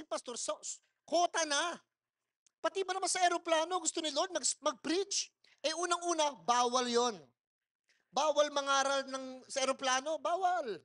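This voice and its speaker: A man with a notably high voice preaches at a church service held in a mall. He tells his sermon as a string of personal stories, pushing his voice loud on purpose so people nearby can hear. He mixes English phrases into his talk and laughs often along the way. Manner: storytelling, mixing in English phrases. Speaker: pastor.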